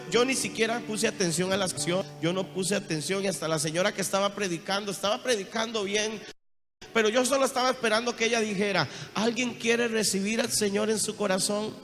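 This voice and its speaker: A man with a Costa Rican accent preaching a sermon, telling his testimony with strong emotion, moving from hushed speech to loud cries. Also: high voice, steady tone, fairly quick. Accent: Costa Rican Spanish. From Costa Rica. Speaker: apostle preaching. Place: large church hall. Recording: reverberant church hall. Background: soft guitar music.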